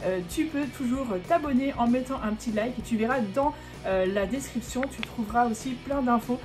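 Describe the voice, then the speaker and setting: A woman's voice: on the high side, a little fast, a little mellow, soft background music. A woman giving a casual, chatty online German lesson, correcting herself as she goes and stretching out the example words. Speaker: German teacher.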